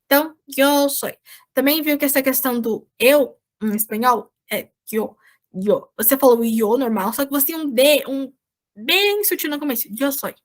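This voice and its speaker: A woman's voice: high-pitched, normal speed. A Brazilian woman, a volunteer teacher, giving an online Spanish lesson and checking in often with her students. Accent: Brazilian Portuguese. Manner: explains patiently, checks in with "certo?". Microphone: video call.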